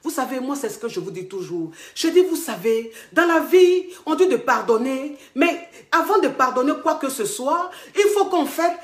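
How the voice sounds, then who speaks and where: This high, animated voice belongs to an Ivorian-accented woman coaching viewers on relationships directly to camera, talking at normal speed with few pauses in a reverberant space. Despite a cold and sore throat, she stays emphatic, repeating points and addressing everyone as darlings.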